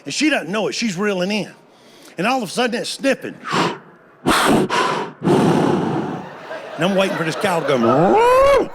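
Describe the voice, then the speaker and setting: A man's voice: sits high, animated, normal speed, pauses often, noisy background. A man, telling folksy stand-up stories with playful punchlines. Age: 50s. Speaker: stand-up comedian. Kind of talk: stand-up comedy storytelling.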